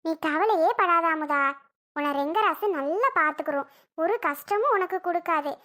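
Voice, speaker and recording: Woman voicing a reassuring young friend, very high bright voice, coaxing, cartoon. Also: normal speed. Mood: soothing. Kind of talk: cartoon voice acting.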